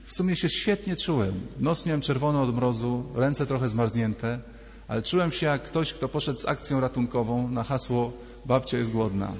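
A man's voice: mid-range voice, normal speed. A man preaching a sermon as a priest, telling stories and acting out little dialogues in a conversational way. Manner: storytelling, conversational, acts out dialogues. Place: church. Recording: long church reverb.

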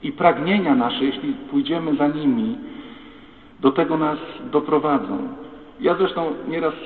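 A priest preaching a sermon, his slightly high voice turning to the congregation with questions and appeals. The sound is tinny and phone-like. It rings with a long echo through a large church hall. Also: unhurried, recorded from a distance. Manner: rhetorical, addresses the congregation directly.

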